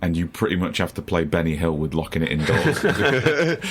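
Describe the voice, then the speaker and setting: Deep-voiced man, sweary and laughing. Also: big pitch swings, moderate pace, husky. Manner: swears freely, laughs often, acts out quotes. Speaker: podcast co-host. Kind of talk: casual chat.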